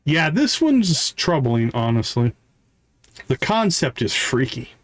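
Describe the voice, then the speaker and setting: Here a male live streamer and game host commentates slowly and without hurry, thinking aloud and reading in-game dialogue. His voice runs on the high side and is very animated. There's no room sound, just game music behind the voice.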